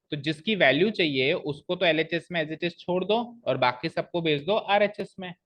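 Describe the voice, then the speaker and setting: A male maths teacher explains a problem step by step to his class, asks them questions and reads expressions aloud slowly, stressing the pauses. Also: on the high side, fairly bright tone.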